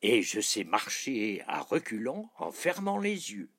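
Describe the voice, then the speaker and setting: A man's voice: fairly low pitch, wildly swooping pitch, measured pace, breathy edge, full character voice. A man doing a proud, bossy little king. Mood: boastful. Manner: proud and commanding, often shouting. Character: boastful, childlike little king.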